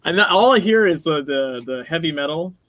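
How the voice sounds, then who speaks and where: A man's voice: a little high, expressive, a little fast, a bit bright, dry recording. A middle-aged man co-hosting a casual game podcast, rambling and laughing as he talks. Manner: rambling, self-interrupting, laughs often. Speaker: podcast co-host. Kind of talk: casual chat.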